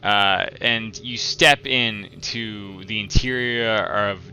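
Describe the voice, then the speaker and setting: A man narrating a tabletop game as game master, improvising descriptions in a halting way. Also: fairly low pitch, steady tone, bright, forceful tone, soft background music.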